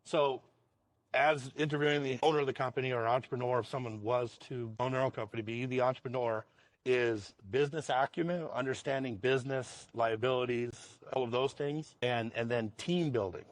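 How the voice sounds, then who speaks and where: Man, company owner, casual interview talk, rambling, repeats words, mid pitch, dry sound. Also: fairly even intonation, a little fast, no room sound. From Washington state, USA.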